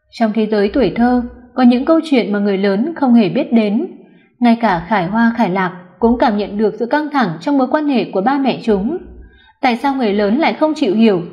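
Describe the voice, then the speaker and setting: A woman narrating a romance novel in a steady, even storytelling manner. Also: fairly high pitch. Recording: dull lo-fi recording.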